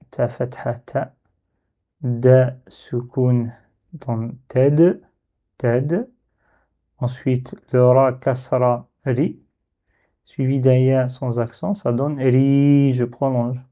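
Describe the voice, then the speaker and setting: A man's voice: medium pitch, dark tone, lo-fi sound. A man teaching a reading lesson, patient and step by step, drawing out each syllable as he sounds it. He speaks with a French accent.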